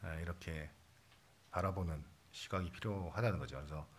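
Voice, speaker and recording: A man's voice: sits low, moderate pace, slight background noise. A man preaching a Sunday sermon as pastor, conversational and playful, with many fillers. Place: church sanctuary.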